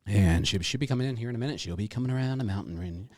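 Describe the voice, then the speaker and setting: A man's voice: lowish voice, rapid-fire, a little mellow, no room sound, studio quality. A man hosting a podcast with effusive, casual talk that repeats itself and slips into hyped announcing and swearing. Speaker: podcast host.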